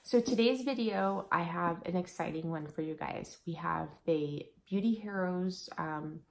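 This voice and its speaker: A slightly hoarse woman vlogger chatting casually and upbeat through a beauty product review. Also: lowish voice, measured pace. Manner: chatty, upbeat, laughs often.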